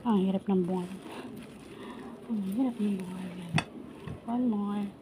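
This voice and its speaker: Cooking and eating on camera, this Filipino vlogger talks casually and chattily to her viewers in an unhurried, mid-range voice, her speech shaped by missing upper front teeth. Roosters and chickens fill the background of the noisy home recording.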